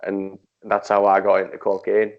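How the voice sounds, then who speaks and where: A man hosting a casual chat over a call, recalling stories with halting restarts. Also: on the low side, monotone, no echo. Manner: hesitant, repeats words while recalling. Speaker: podcast host. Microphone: video call. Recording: dull dry call audio.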